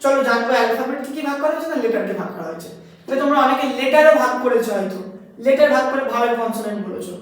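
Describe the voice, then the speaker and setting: A woman's voice: sits high, lively intonation, rapid-fire. A woman teaching an English grammar lesson, explaining patiently, repeating points and asking her students questions. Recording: very echoey room, voice from far off.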